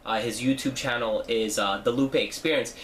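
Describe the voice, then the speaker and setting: On his casual fragrance review channel, a young man from New Jersey talks with a cold-stuffed nose, chatty and full of fillers and self-corrections. His medium-pitched voice is a bit bright, with fairly even intonation and a moderate pace, and there's slight background noise.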